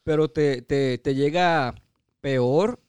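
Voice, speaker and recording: A man's voice: fairly high pitch, slow, darkish tone, clean tone, no echo. A man co-hosting a podcast, chatting casually in mixed with English, joking, teasing and swearing. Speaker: podcast co-host. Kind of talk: casual podcast chat switching between Spanish and English.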